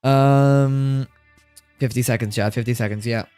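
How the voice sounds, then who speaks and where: A man's voice: medium pitch, fairly even intonation, a little slow, warm tone, smooth, dry recording, soft background music. A tired man livestreaming from home, chatting casually and rambling to his chat, often repeating himself.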